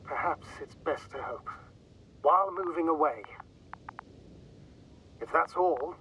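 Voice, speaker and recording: A man's voice: fairly high pitch, slow, sharp tone, recorded from a distance, a little hiss or hum, heavily acted, poor audio. Composed male commander, radio-filtered voice, heard from afar, game voice acting. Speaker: mission controller.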